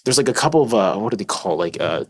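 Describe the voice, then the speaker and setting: A man co-hosting a podcast, chatting casually in a rambling, animated way with many fillers. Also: on the low side, fast talker, breathy edge. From born in Queens, raised in Albany, New York. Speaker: podcast co-host.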